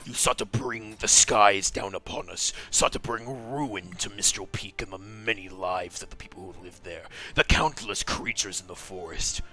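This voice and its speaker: A man playing a solemn, grieving adventurer in a tabletop game, speaking in a grave, hushed and deliberate way. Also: on the low side, faint music behind, pitched below the performer's own voice, poor audio. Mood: grave accusation.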